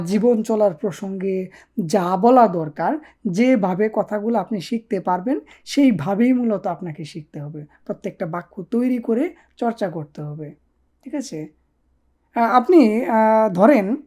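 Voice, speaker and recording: A woman teaching a casual online language lesson, with a mellow, warm-toned voice at a middling pitch. She coaxes her learners along, keeps checking that they follow, and slows right down whenever she models a practice sentence. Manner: coaxing, repeats "ঠিক আছে?" to check on learners.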